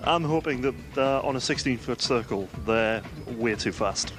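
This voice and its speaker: A man's voice: mid-range voice, moderate pace, music in the background. A man answering as a competitor in a casual interview, hesitant and understated. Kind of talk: casual post-match interview.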